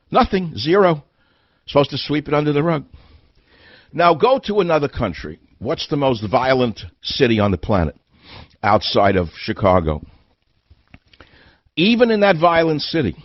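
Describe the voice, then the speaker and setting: A man's voice: medium pitch, dry recording, muffled recording. Indignant older man ranting on talk radio. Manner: indignant, hammering rhetorical questions. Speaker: radio talk show host. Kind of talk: heated talk radio monologue. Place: radio studio.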